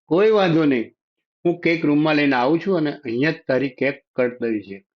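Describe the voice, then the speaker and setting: A man voicing a cruel, mocking young daughter-in-law in a narrated story, with taunting, drawn-out sneers. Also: a little high, natural voice. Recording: dull lo-fi audio.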